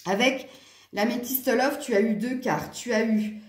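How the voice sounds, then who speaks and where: Speaking unhurriedly in a slightly high voice, a tarot card reader chats with her viewers through a casual reading. She sounds tired after sleeping badly, hesitating with lots of fillers, and the room echoes.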